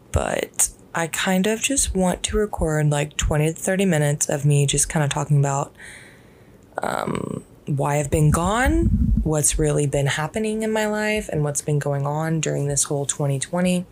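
A young woman hosting a casual solo podcast from bed at home, talking in a relaxed, rambling way with many fillers. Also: low-pitched, normal speed, gravelly. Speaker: podcast host. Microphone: podcast microphone.

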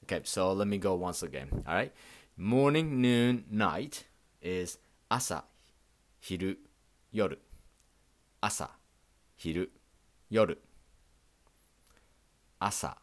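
A deep-voiced, animated man whose first language is Japanese hosts a podcast giving a casual Japanese lesson. He teaches slowly, repeating words for learners and frequently checking in with "okay?"

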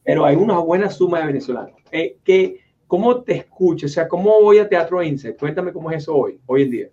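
A man's voice: on the high side, lively intonation, fairly quick, warm tone. A man hosting a casual interview, rambling with lots of restarts and fillers. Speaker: interview host. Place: home office in Florida. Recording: dull lo-fi audio.

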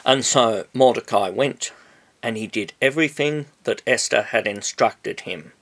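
A man reads scripture aloud at an unhurried, deliberate pace. His voice sits in an ordinary middle register, and his delivery stays measured and solemn from phrase to phrase. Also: medium pitch, fairly bright tone. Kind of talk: scripture reading.

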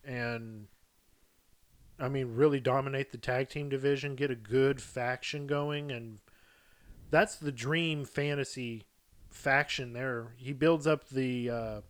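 A man co-hosting a casual wrestling podcast, rambling and jokey, getting loud and animated as he riffs. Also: medium pitch, slow pace, smooth. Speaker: podcast co-host.

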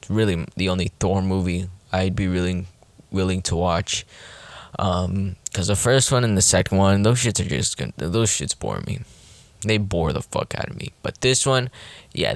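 A man with a lowish, clean and resonant voice hosts a solo podcast. He is casual, jokey and informal, with the showy announcer address of a cruise director. The sound is dry, with hardly any room in it. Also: clear, resonant tone, dry recording. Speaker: podcast host.

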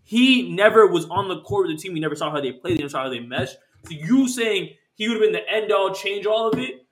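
A man co-hosting a sports podcast, arguing in fast casual chat and often cutting in and repeating himself. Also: sits high, expressive. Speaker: podcast co-host.

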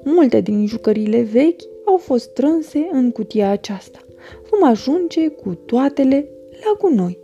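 A woman voicing a male wind-up toy mouse in a storybook, gentle and self-satisfied. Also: high voice, very animated, lo-fi sound, soft background music. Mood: resigned.

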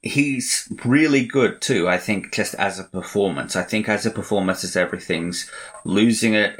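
On a podcast recording, a male co-host rambles through an opinionated, filler-heavy movie review chat. His voice is low with a fairly bright tone.

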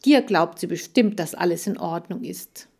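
A woman's voice: lowish voice, normal speed, gravelly, a little mellow, husky. A woman voicing an eager, bubbly young girl. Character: excited young girl, a karate kid.

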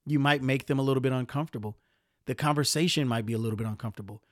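A man hosting a podcast, giving motivational career advice in a lively, preachy way that sometimes gets riled up. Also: mid-range voice, rapid-fire, dry recording, studio quality. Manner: animated, gets riled up, mimics complainers. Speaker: podcast host.

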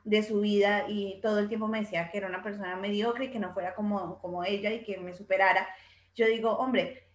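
A woman, co-hosting a casual podcast and reflecting on ideas by working through her own examples. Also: mid-range voice. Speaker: podcast co-host. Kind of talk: casual conversation. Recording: roomy echo.

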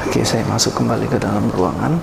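A man's voice: brisk, creaky. A man casually narrating each thing he does during a morning at the office, recorded indoors on a collar-clipped lapel mic. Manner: narrates each action as they do it. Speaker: vlogger. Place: indoors, office building with small rooms. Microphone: lapel mic clipped to shirt collar. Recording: noisy lapel recording with loud room rumble.

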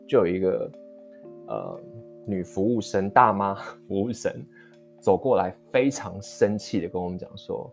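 A man speaks in a low, grounded voice, recounting a story for a vlog. He talks in quick, animated bursts, stumbling and restarting as he gets heated. Soft guitar music plays faintly behind him. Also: gravelly. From Taiwan. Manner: animated, heated retelling of an anecdote; quick, rambling with many restarts. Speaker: vlogger.

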